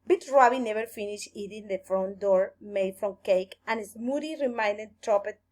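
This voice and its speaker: Slow, expressive woman reading a children's story. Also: medium pitch.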